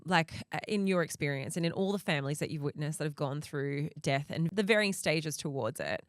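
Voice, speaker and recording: A woman with a low voice hosts a conversational podcast. She sounds thoughtful and lets her reflective questions wind along. The sound is dry, with hardly any room in it. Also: animated, brisk, no room sound. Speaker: podcast host interviewing a guest.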